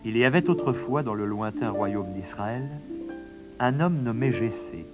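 A man reading a children's storybook aloud in a measured, dramatic narration. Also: medium pitch, loud music behind the voice.

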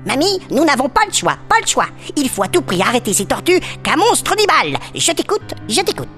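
A woman voicing a small, brave, excitable duckling who repeats his words and mangles big words in a children's story. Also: high-pitched, brisk, faint music behind, heavily acted. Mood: determined. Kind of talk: storybook acting.

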